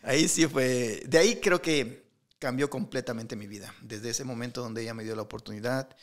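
A middle-aged man, an entrepreneur guest in a casual interview, tells anecdotes with lots of fillers and restarts. His voice is medium-pitched and he speaks at normal speed.

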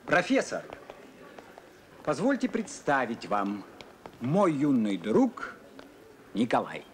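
An actor playing a courteous, eccentric elderly gentleman in a children's sci-fi film, formal and theatrically polite. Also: mid-range voice, huge pitch swings, slow pace, slight background noise. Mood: courtly.

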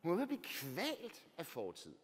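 Danish man telling a story in a church. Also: on the high side. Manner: animated, swinging from loud bursts to near-whispers; rhetorical, keeps adding "right?". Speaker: author giving a talk. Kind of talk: personal storytelling talk. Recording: long church reverb.

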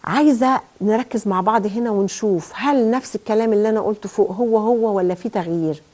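A woman teacher with an Egyptian Arabic accent giving a recorded grammar lesson. She explains step by step, asks questions and answers them herself, and reads the English example sentences slowly. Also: medium pitch, darkish tone.

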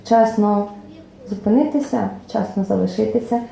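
Woman poet reading her poems at a launch, gravelly low-toned voice, endings fade to a whisper, big echoey hall. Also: moderate pace. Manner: expressive recitation, lines trailing off softly, nearly whispered. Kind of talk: poetry reading at a book presentation. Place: club event hall. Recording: very echoey hall, faint room noise.

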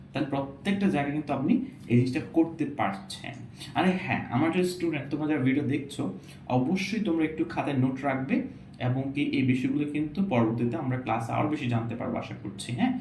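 A man teaching English pronunciation in a casual video lesson, explaining patiently and repeating example words slowly. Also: fairly high pitch, a little mellow. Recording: echoey room, faint background noise.

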